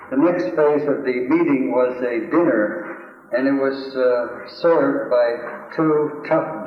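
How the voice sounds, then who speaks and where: A man giving an anecdotal lecture to an audience, telling stories in a wry way and chuckling at his own tales. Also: medium pitch. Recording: roomy, dull lo-fi recording.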